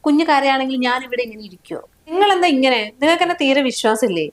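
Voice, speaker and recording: A woman's voice: high voice, lively intonation, rapid-fire. A woman acting a wife in a short drama, complaining and hurt in tone. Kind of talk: scripted drama dialogue.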